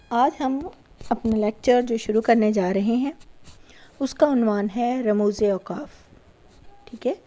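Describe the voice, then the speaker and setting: A woman's voice: a little high, mellow. A woman teacher giving a recorded lecture to students, patient and repeating key points with frequent check-ins. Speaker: school teacher.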